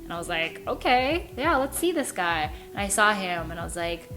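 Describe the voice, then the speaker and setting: A woman's voice: medium pitch, very animated, moderate pace. A young American woman in her twenties giving a casual vlog talk, chatty with many fillers and acting out what people said. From United States. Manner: chatty, many fillers, acts out quoted speech. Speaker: vlogger. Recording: music playing under the voice.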